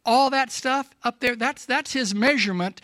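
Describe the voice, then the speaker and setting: A man preaching to his church, his high voice rising as he presses each point and throws questions to the congregation. The tone is bright and forceful, and the sound is dry and close. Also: normal speed, no room sound. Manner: emphatic, asks the congregation questions; gets emotional. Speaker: pastor. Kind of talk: sermon.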